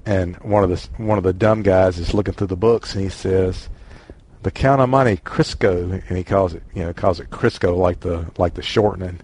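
A man's voice: deep voice, flat delivery, fairly quick, few pauses, dark tone, husky. Rambling man with a Southern drawl. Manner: rambling, self-deprecating. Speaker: book club host. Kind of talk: casual book discussion.

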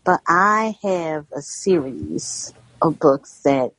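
A woman's voice: low-pitched, big pitch swings, takes it slowly, a bit bright, slightly rough, no room sound, low-quality recording. An American woman chatting casually in a rambling, folksy way. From Georgia and various parts of the US. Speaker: book club member, first-time participant. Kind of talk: casual chat.

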